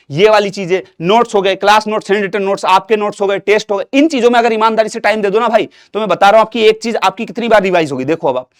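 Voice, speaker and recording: A man's voice: high-pitched, no echo, studio quality. A young man teaching an exam-prep lesson, talking to students like an elder brother and repeating himself with rhetorical questions.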